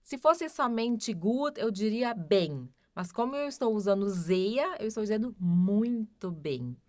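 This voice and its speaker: A woman with a Brazilian Portuguese accent teaching a grammar lesson, patiently repeating each example sentence slowly. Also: mid-range voice, dry recording, clean studio sound. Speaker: German teacher.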